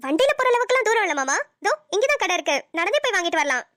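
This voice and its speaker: Cartoon college girl, teasing and playful, voiced by a woman, very high and bright. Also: big pitch swings, very fast, no room sound, clean studio sound, full character voice. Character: cheeky young female college student. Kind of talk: cartoon voice acting.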